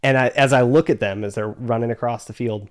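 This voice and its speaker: A man's voice: mid-range voice, fairly even intonation, a little fast. A middle-aged man, an interview guest, telling anecdotes and answering in a casual conversational style. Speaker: guest, adjunct English literature professor.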